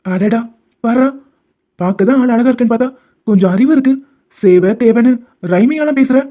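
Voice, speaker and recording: Dubbing an animated romance, a voice actor gives the male lead, an obstinate young doctor, a mid-range, fairly quick, lightly acted voice. He needles the heroine with pet names and insists she's his wife, over dull lo-fi audio and soft background music.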